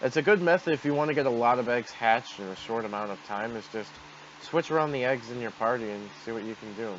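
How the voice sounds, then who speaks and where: A man's voice: mid-range voice, fast talker. A man giving casual commentary as he hosts a gameplay video. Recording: dull noisy home microphone.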